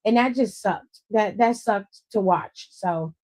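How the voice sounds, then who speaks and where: A woman's voice: mid-range voice, slow pace, a little mellow. A woman hosting a casual livestream recap, talking in a sassy, blunt and profane way and laughing often. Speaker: host of a wrestling after-show.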